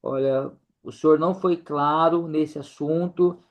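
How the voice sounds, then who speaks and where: A man's voice: on the high side, steady tone, unhurried. A man teaches a casual lesson to a church group, tagging nearly every phrase with "né?".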